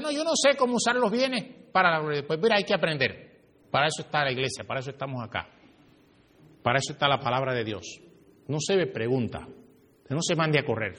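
A man preaching a sermon as pastor to his church, swinging his pitch and volume for emphasis. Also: bright, forceful tone. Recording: reverberant hall.

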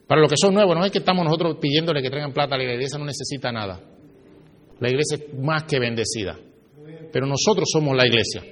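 A man preaching a sermon as pastor to his church, swinging his pitch and volume for emphasis. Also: fairly bright tone. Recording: reverberant hall.

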